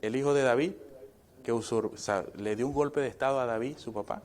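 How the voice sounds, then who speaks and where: A male pastor delivers a sermon in a chatty, back-and-forth way, constantly tossing short questions to his listeners. His voice sits at an ordinary middle pitch. Joking asides come through now and then. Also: a little fast, darkish tone. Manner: conversational preaching, constant checking questions to the congregation. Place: church.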